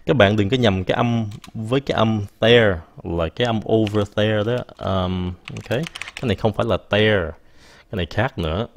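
A man teaching an English grammar lesson in a casual way, explaining patiently and often correcting himself. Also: on the low side. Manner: slow, explains patiently, frequent "ok" and self-corrections.

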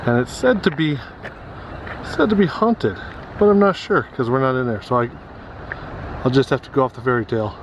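A man's voice: medium pitch, normal speed, pauses often, muffled recording, noisy background. Chatty vlogger man outdoors. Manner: easygoing, chatty, with many uh fillers. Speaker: travel vlogger. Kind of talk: casual vlog narration. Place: outdoors on a coastal trail and inside a car.

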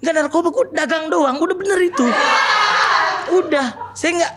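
A young man performing a stand-up comedy bit as a podcast guest, telling stories with animated delivery and shouted punchlines. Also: very high-pitched, moderate pace, very noisy. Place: podcast studio.

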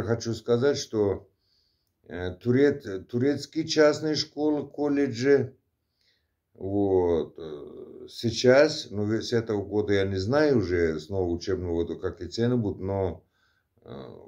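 A man chatting casually in a vlog, answering a subscriber's question, talking haltingly with many fillers and restarts. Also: on the low side, dark tone, highs cut off. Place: indoors at night.

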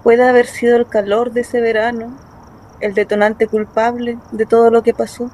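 In a dramatic first-person radio play, a woman voices a young working-class Chilean daughter recounting her assault, wounded and bitter, with a haunted, tense mood. Her voice is fairly high and level, moderately paced and darkish, close to everyday speech. The recording is rough with slight background noise, and music plays behind her.

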